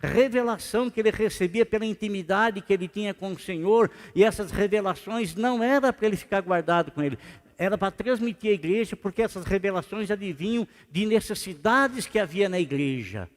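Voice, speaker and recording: Male pastor, higher voice, chatty questioning sermon, echoing church. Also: expressive, a little fast. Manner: conversational preaching with rhetorical questions. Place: church sanctuary. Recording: reverberant church hall.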